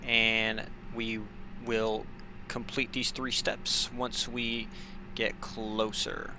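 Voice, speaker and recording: A man playing pilot in a flight simulator, reading checklists and giving relaxed captain announcements with many fillers into a headset mic. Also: fairly low pitch, extremely slow. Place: home flight simulator setup. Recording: clear steady background noise.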